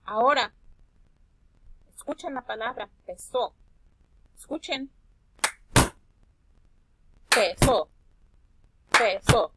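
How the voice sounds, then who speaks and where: A woman teaching a children's phonics lesson, sounding out words slowly and loudly between softer instructions. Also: on the high side, a little hiss or hum, poor audio. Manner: slow, exaggerated syllable-by-syllable pronunciation.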